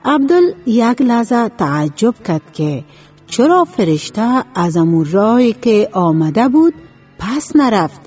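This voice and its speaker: A woman narrating a folk tale in a steady read-aloud manner. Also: fairly high pitch, breathy edge, dull audio, faint music behind. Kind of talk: storytelling narration.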